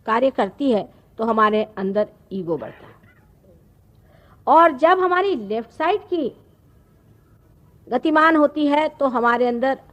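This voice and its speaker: A woman, giving a slow, explanatory spiritual discourse with pauses. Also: high voice. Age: 50s. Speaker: spiritual teacher. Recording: archival talk recording.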